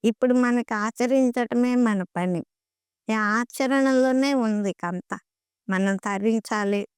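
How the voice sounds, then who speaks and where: A woman's voice: fairly high pitch, takes it slowly, smooth, dry recording, clean studio sound. A middle-aged woman earnestly recounting devotional experiences, often repeating phrases for emphasis. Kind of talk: conversational storytelling.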